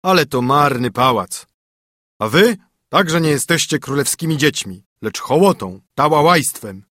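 Guy putting on a big grumpy bear for a fairy tale, loud and sneery, kinda husky. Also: fairly high pitch, expressive, unhurried, dry recording, clean studio sound, voice pushed up. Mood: scornful. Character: boastful grumpy male bear.

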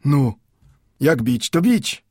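A man's voice: mid-range voice, very animated, a little mellow, dry recording, studio quality, pitched above the performer's own voice. A man voicing an old grandfather, a stern but tender bookbinder, who speaks emphatically with a Yiddish-inflected Polish accent and repeats his points insistently. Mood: wry. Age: over 60. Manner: emphatic, repetitive scolding with drawn-out exclamations.

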